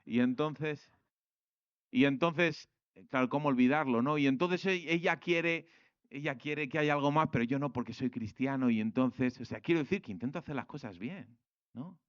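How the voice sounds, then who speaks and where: A young man from Spain preaching a sermon, colloquial and animated, acting out quoted voices. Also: medium pitch, moderate pace, no echo, dull audio.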